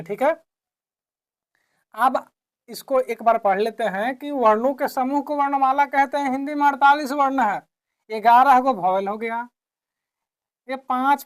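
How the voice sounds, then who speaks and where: Woman, teacher, somewhat high voice, from India, classroom lesson, asks and answers herself, repetitive. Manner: asks and answers her own questions, repeats points slowly.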